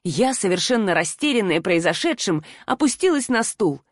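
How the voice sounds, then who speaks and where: A woman reading a novel aloud in steady, even scripted narration. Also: medium pitch, moderate pace, dry recording, studio quality. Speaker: audiobook narrator.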